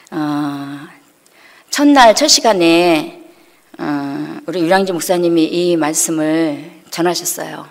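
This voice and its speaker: A woman's voice: fairly low pitch, a little mellow. Middle-aged woman, church testimony, tells her story with emotion, voices other people's lines, long hall reverb. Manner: emotional storytelling, acts out quoted dialogue. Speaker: church member giving testimony. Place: church sanctuary.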